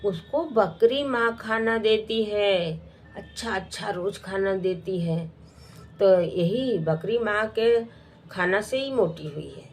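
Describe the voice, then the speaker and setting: A woman's voice: medium pitch, slow pace, a little hiss or hum. A woman voicing a young stepsister, speaking in an insistent, tattling way. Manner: telling tales, insistent.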